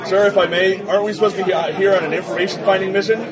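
A man's voice: high voice, fairly even intonation, racing. A man chatting casually as a player in a tabletop role-playing game. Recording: loud crowded convention hall chatter.

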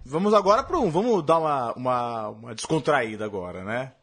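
A Brazilian man hosting a conversational music commentary, explaining haltingly and repeating words as he goes. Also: mid-range voice, animated, a bit bright, slightly rough. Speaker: podcast host.

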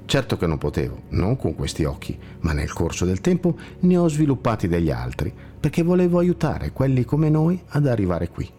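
A man voicing a gentle, kindly blind monk with a slightly ironic touch, who guides a companion with calm reassurance in a storybook tale. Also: mid-range voice, moderate pace, few pauses, faint music behind.

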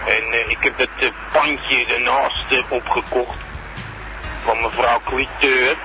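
A man playing a hesitant shopkeeper who phones in to a radio show from a roadside, talking in halting bits full of pauses. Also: mid-range voice, little pitch movement, music in the background. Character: hesitant male shopkeeper phoning in from a busy roadside. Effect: caller heard over a phone line on a radio show. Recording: muffled phone line with loud traffic behind. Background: traffic noise from a busy road.

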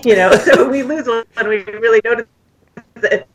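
A woman's voice: a little high, normal speed, rough recording. A woman from Texas, a podcast guest chatting casually with many fillers and laughs. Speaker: podcast guest, podcast host of her own show. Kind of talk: casual chat.

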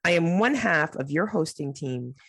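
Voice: medium pitch, lively intonation, moderate pace, gravelly, fairly bright tone, no echo, clean studio sound. A podcast co-host chatting casually and jokingly, with a nasal voice stuffed up by a cold. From Canada. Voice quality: nasal, congested voice. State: has a cold.

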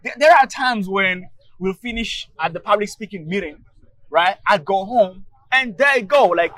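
A man's voice: high-pitched, expressive, normal speed, fairly bright tone, rough recording. A man from Togo with a Togolese accent, talking casually as an interview guest in an emphatic way, often repeating words and checking in with "right?". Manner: emphatic, repeats words, tags phrases with "right?" and "you know". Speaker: podcast guest, public speaking group organizer.

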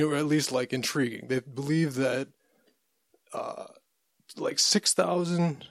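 A man in casual podcast conversation, easygoing and thoughtful, often pausing on fillers as he explains. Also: medium pitch, dry recording, clean studio sound. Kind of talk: casual chat.

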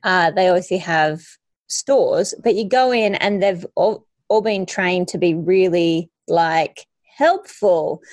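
A woman's voice: lowish voice, slow pace, a little mellow, no room sound. A woman with an Australian accent, co-hosting a podcast, tells anecdotes in a casual, informal way. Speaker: podcast co-host.

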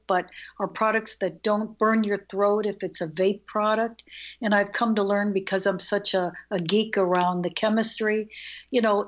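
An older woman, a guest investor in a conversational interview, who tells stories with frequent laughter. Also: medium pitch. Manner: lively storyteller who laughs often.

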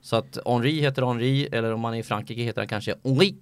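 A sports commentator talking in a casual podcast chat, hesitant and full of filler sounds. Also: male voice, medium pitch, fairly even intonation, smooth, dry recording.

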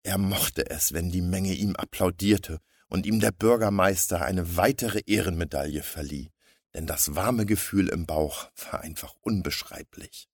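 Deep raspy guy reading a story, super dry sound. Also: measured pace, dry recording. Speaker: narrator.

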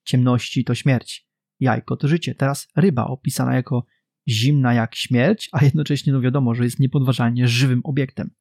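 A man co-hosting a book discussion podcast, talking in a measured, explanatory way. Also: mid-range voice, steady tone, a little mellow, dry recording, studio quality. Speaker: podcast co-host.

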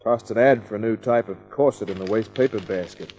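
An actor playing a hard-boiled private eye, who narrates and trades dry cracks in a vintage radio drama. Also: male voice, fairly low pitch, a little fast, a little mellow, muffled recording, a little hiss or hum, natural voice. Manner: dry, wisecracking. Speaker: narrator and lead. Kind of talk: 1940s radio acting.

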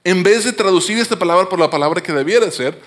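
A man's voice: high voice, fast, fairly bright tone. A man preaching a sermon in a conversational, explanatory way, often restarting his words. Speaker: pastor.

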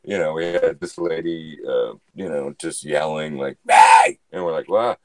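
A man's voice: a bass voice, fairly even intonation, moderate pace, a little mellow, no room sound. A man talking as a podcast guest about his hiking trip, telling stories in a loose, rambling way full of "you know". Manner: rambling storyteller, many "you know" fillers. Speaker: podcast guest, thru-hiker. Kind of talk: casual chat.

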